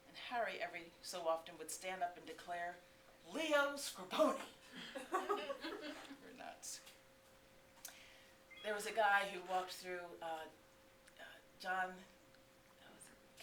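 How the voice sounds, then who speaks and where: A middle-aged woman reads her own book aloud to a small audience, her tone bright and a little sharp, her pitch sitting low. She drifts into chatty asides and laughs along with her stories. The recording is roomy and echoey, picked up by a mic some distance away with a faint hiss. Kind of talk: live book reading with spoken asides. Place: bookstore, live audience. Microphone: distant room mic.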